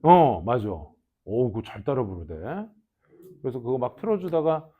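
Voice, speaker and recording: A man teaching an English grammar class, joking and teasing his students in a slangy way, often switching between loud calls and mumbled asides. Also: medium pitch, big pitch swings, normal speed, phone-quality sound. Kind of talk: lively classroom lecture.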